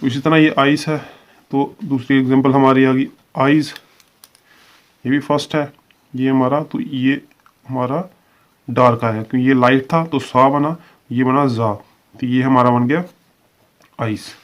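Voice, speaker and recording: A man's voice: medium pitch, steady tone, a little slow, pauses often. A man teaching a shorthand lesson, explaining each example patiently and repeating his phrases, drawing out the example words. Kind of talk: step-by-step video lesson. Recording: dull, lo-fi recording.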